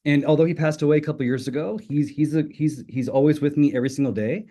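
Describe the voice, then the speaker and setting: Speaking quickly with a fairly high, warm voice and fairly even intonation, a middle-aged man from Italy shares personal anecdotes. Italian is his first language, and he's a linguistics professor giving a relaxed, friendly guest talk on an online webinar.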